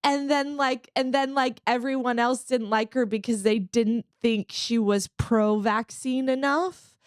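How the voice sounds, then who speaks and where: A woman's voice: fairly high pitch, fairly even intonation, unhurried, clear, resonant tone, no room sound, studio quality. A woman co-hosting a comedy podcast, telling rambling sarcastic stories full of fillers. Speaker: podcast co-host. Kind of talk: casual comedic chat.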